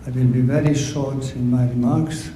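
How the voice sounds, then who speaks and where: A man's voice: medium pitch, steady tone, normal speed, dark tone, slight background noise. Serbian-accented man making formal remarks. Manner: earnest, formal, stumbling at times. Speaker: audience member asking a question.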